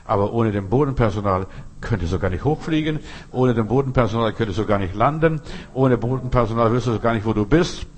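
A male pastor preaching a sermon. He repeats short emphatic phrases, speaks straight to his listeners, and slows right down on key lines. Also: medium pitch, animated, slight background noise.

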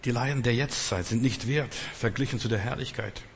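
Brisk and medium-pitched with vocal fry, a man delivers an extemporaneous sermon as a non-native speaker whose first language isn't German. He speaks directly to listeners, stressing repeated phrases, amid a long reverb tail and a little hiss or hum.

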